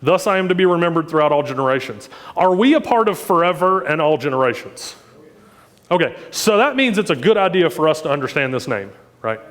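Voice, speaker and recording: A man's voice: on the high side, sing-song, fairly quick, a bit bright, in a large hall. A man preaching a sermon in a conversational way, with joking asides and frequent questions to the congregation. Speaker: pastor.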